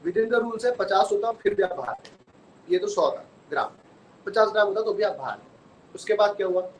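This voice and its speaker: Guy ranting about sports live, high voice, echoey room with a bit of hum, keeps repeating himself. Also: expressive, moderate pace. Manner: opinionated, repeats points, mixes English into Hindi. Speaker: cricket and sports channel host. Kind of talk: live sports review monologue. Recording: echoey room with faint ambient noise.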